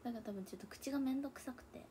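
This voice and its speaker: Fairly high-pitched and warm, a young woman talks very fast on her livestream from a room at home. An idol streamer, she uses Hakata dialect mixed with Kansai and often drops into murmured asides to herself, while her phone or tablet mic adds a little hiss or hum.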